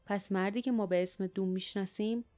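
A woman voicing a thoughtful teenage boy in an audiobook, speaking quietly and slowly. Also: mid-range voice, steady tone, natural voice. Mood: musing. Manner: quiet, slow, musing.

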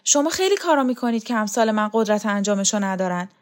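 A woman's voice: medium pitch, lively intonation, lightly acted. A woman voicing a timid young woman who speaks hesitantly and pleadingly in an audiobook.

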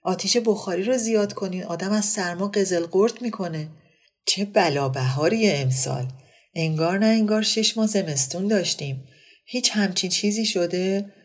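A woman reading the part of a brisk, chatty aristocratic woman who loves banter and exclaims as she talks. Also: medium pitch, voice pushed up, natural voice. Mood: lively.

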